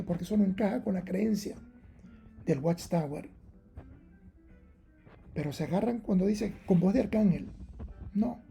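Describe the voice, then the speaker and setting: A man's voice: high-pitched, vocal fry, dark tone. A man preaching a Bible-teaching sermon, emphatic and argumentative, repeating his key points again and again. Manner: argumentative, challenges rival readings.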